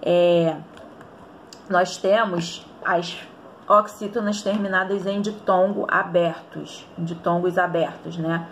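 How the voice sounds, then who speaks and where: A woman's voice: on the low side, fairly even intonation, slow, a little hiss or hum. A woman with a Brazilian Portuguese accent teaching an online grammar lesson, explaining step by step and often checking in with the students.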